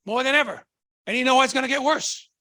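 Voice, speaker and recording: A man's voice: very high voice, fast talker, sharp tone, no room sound, clean studio sound. A man from Tonga, giving a fervent motivational stage talk and firing rhetorical questions at the audience. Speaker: motivational speaker.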